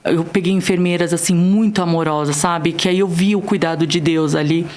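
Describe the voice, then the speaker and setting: A woman's voice: fairly low pitch, steady tone, a little mellow. A woman with a Brazilian Portuguese accent tells a personal faith testimony on a church podcast, speaking earnestly and acting out the dialogue. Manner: earnest, emotional storytelling that re-enacts dialogue, slowing down on key words. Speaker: guest sharing a testimony.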